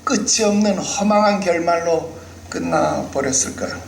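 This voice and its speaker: A male pastor with a fairly high voice preaches emphatically and keeps turning to the congregation with rhetorical questions. His voice echoes around a roomy church hall, with a faint ambient murmur behind it. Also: moderate pace, gravelly, a little hiss or hum. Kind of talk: sermon.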